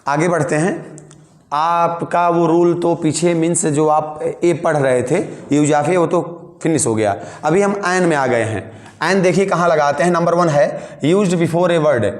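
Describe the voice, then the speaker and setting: A man's voice: on the high side, roomy sound. A man teaching English grammar rules, explaining each rule again in Hindi and asking his students questions.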